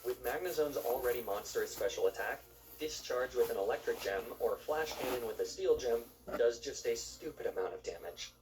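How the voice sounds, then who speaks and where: A man's voice: mid-range voice, lively intonation, moderate pace, echoey room, recorded from a distance, background noise. A man narrating gameplay from a script as a video host, with wry, joking asides.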